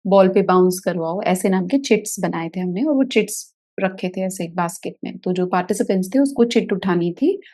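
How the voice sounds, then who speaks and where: Mellow-voiced woman therapist telling a story. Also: lowish voice, a little fast, few pauses. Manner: animated storyteller who acts out scenes. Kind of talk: casual video talk, telling a story from a workshop.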